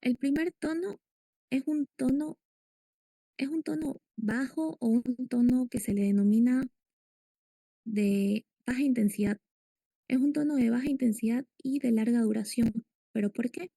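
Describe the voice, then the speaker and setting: A woman's voice: a little high, a little slow, gravelly, long pauses, warm tone, no echo. A woman giving a medical lecture, explaining step by step and quizzing her students. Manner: explanatory, asks students questions.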